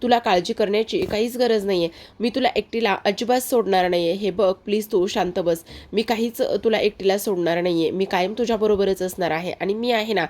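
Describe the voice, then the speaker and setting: Woman voicing a gentle, coaxing young husband. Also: medium pitch, fairly quick, lightly acted. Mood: soothing. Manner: soothing, coaxing.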